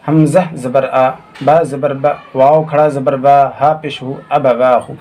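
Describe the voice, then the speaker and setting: A man teaching Quran reading in a recorded lesson, spelling out letters and vowel marks slowly, with quicker explanations in between. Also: medium pitch, flat delivery, mellow. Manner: slow, drawn-out recitation of syllables, then quick asides.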